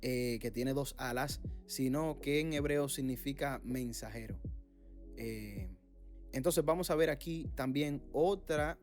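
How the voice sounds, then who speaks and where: Man teaching Bible study over soft music. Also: mid-range voice, unhurried. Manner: reads scripture aloud, then explains it with many fillers. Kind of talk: informal Bible study reading and commentary.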